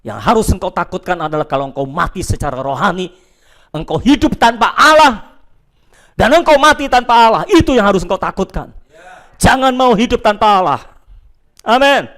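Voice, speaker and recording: A male pastor preaching a sermon to a church and viewers at home, emphatic, dropping between loud declarations and quiet asides. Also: high voice, expressive, normal speed.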